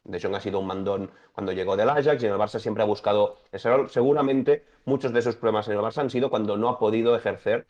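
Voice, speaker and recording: A man with a Spanish accent, a football pundit talking in a measured, thoughtful way on a sports talk show. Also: on the low side, darkish tone. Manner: measured, thoughtful, builds points slowly. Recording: dull lo-fi sound.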